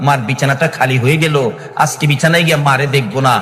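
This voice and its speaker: A preacher playing a remorseful grieving son. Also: male voice, steady tone, fast, a bit bright, natural voice. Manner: low, tearful lament. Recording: echoey hall.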